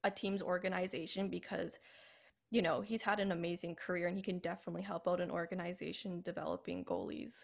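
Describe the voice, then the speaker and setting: A woman's voice: fairly low pitch, steady tone, quick pace, vocal fry. A young woman co-hosting a hockey radio show, talking in an easygoing way and often saying "like". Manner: easygoing, leans on "like" as a filler. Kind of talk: casual sports chat.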